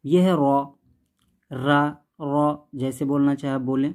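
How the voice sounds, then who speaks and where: A man teaching how to read the Quran, saying each letter sound slowly and more than once, contrasting thin and heavy sounds, and checking in often. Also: mid-range voice, warm tone. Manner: patient, repeats each sound, keeps asking "okay?".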